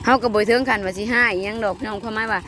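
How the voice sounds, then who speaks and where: A woman's voice: mid-range voice, steady tone, rapid-fire. A woman with an Isan accent chatting and calling out encouragement as she films her husband ploughing in a field. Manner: chatty, calls out encouragement and addresses viewers as "brothers and sisters". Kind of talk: casual outdoor vlog commentary. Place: farm field outdoors. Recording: outdoor clip with loud engine noise. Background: tractor engine running.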